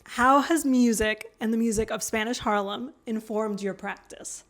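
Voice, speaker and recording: A woman's voice: on the high side, moderate pace. A woman interviewer asking plain, direct questions.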